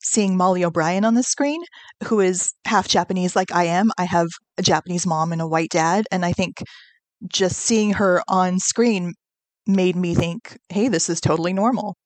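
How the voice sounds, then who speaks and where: A woman's voice: fairly low pitch, moderate pace, no room sound. Reflective woman in a dry room. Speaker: podcast guest. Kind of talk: casual panel discussion.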